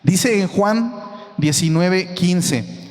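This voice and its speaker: A man's voice: high-pitched, very slow, darkish tone. A man with a Mexican accent preaching a sermon as a pastor in a church, emphatic and repeating phrases for stress. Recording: long reverb of a church hall.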